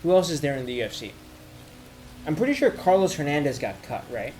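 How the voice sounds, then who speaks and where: A man giving a casual, off-the-cuff sports rant, rambling and thinking aloud in halting bursts as if he has had a few drinks. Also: fairly high pitch, sing-song, darkish tone, a little hiss or hum, poor audio. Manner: drinking while ranting, tipsy rambling. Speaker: MMA commentator giving opinions.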